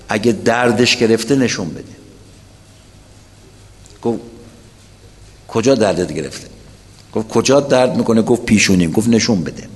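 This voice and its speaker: A man's voice: medium pitch, a little mellow, in a large hall. A man preaching to a weekly religious gathering, telling a story and putting questions straight to his listeners. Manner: storytelling, addresses listeners directly with rhetorical questions. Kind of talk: religious lecture to a weekly congregation.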